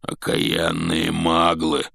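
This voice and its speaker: A male narrator voicing a huge, rough-spoken giant gamekeeper who growls and rasps, talking slowly with halting, folksy speech. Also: very deep voice, completely flat delivery, a bit bright, dry recording, studio quality, voice pushed down, exaggerated voice. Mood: gruff. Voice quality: growling, raspy. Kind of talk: audiobook character voice.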